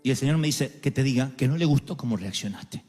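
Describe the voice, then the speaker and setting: A man's voice: medium pitch, animated, fast talker, a little mellow. A man preaching a dramatic sermon, acting out quoted voices with humorous asides. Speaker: pastor. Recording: live hall with long reverb, faint music.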